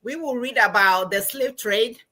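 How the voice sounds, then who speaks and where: A woman from Ghana with a Ghanaian accent, a guest telling stories in an animated, emphatic way in a casual podcast interview over a call. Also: fairly high pitch, unhurried. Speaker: guest, anthropology professor and financial coach.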